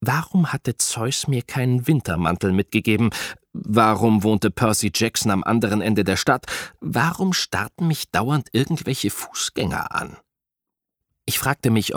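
A man's voice: fairly low pitch, no echo, clean studio sound. A man reading a first-person audiobook in a wry, dramatic storytelling manner. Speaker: audiobook narrator.

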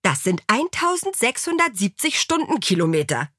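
A woman's voice: medium pitch, sing-song, moderate pace, bright, forceful tone, no room sound, studio quality, pitched above the performer's own voice. A woman doing a flustered, rambling know-it-all man. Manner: hasty, lecturing ramble.

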